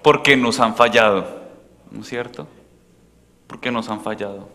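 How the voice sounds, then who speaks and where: Priest preaching in a reverberant church. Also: male voice, lowish voice, a little slow. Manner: questions the congregation directly, shifting from loud to soft.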